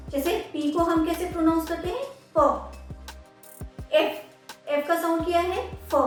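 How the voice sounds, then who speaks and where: A high-pitched woman teaches at an unhurried pace, spelling out each word and saying it twice. Her voice sits a little back from the mic in a very echoey room, with faint music underneath. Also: distant mic. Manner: spells words out letter by letter and repeats them. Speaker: English pronunciation teacher. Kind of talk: slow explanatory lesson.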